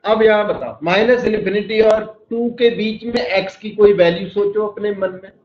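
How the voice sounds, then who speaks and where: A man's voice: sits high, steady tone, moderate pace. A male maths teacher giving a lecture in a classroom, explaining step by step and quizzing his students. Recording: echoey room, slightly dull sound.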